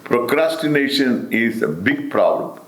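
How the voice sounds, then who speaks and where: An older man with an Indian accent delivers a spiritual discourse at a slow, deliberate pace. His pitch rises and falls widely as he stresses and repeats key words. The sound is roomy and echoing. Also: big pitch swings. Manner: deliberate, emphatic, with repetition and rhetorical questions.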